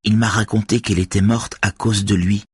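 A man voicing a quiet, earnest teenage girl who talks softly and hesitantly in an audiobook, his voice raised for her. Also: on the low side, flat delivery, brisk, breathy edge, no room sound, clean studio sound, voice pushed up. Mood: confiding.

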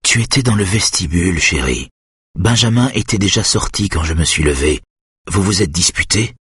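A man voicing a frightened husband who speaks low and keeps his voice under control. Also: expressive, normal speed, a bit bright, husky, no room sound, studio quality, exaggerated voice. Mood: tense. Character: shaken husband trying to stay calm.

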